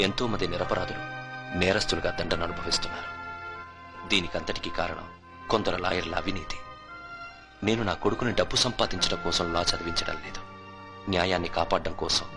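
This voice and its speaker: A middle-aged actor playing a humble, principled court attendant and father, speaking earnestly. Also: sits low. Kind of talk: film dialogue. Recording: film soundtrack with music.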